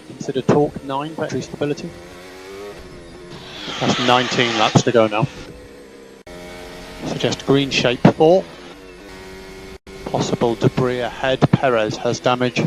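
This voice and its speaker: Heard over team radio with heavy vehicle noise, a Formula One race engineer with a medium-pitched voice gives brief, procedural directions, frequently repeated. The recording quality is low.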